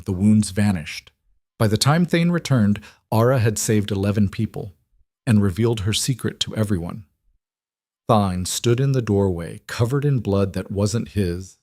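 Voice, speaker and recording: A man giving scripted story narration in an even, dramatic storytelling manner. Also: on the low side, dry recording, studio quality.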